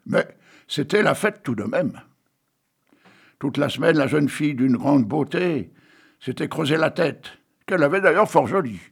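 Older guy reading stories out loud, very gravelly, husky, hammy with little jokes. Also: mid-range voice. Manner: theatrical reading with wry joking asides. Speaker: reader. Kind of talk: reading stories and poems aloud.

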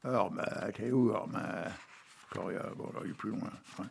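Older male radio host, raspy and gravelly, recites poetry dramatically and chats to listeners. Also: fairly low pitch, normal speed, a little mellow. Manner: chatty, many asides and fillers, dramatic recitation. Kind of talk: reading poems aloud and chatting to listeners.

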